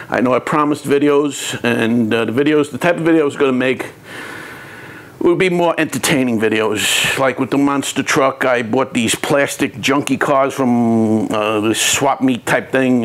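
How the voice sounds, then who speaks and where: A man's voice: medium pitch, fairly bright tone. A man from New City, venting in a rambling, frustrated vlog about his hobby, with many restarts. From New York City. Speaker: RC hobby vlogger. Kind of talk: ranting vlog to camera.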